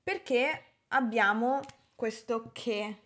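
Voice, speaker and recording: A woman teaching a language lesson, pronouncing example words carefully and deliberately. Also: fairly high pitch, a bit bright. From Italy. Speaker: Italian teacher. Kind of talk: slow, clear language lesson.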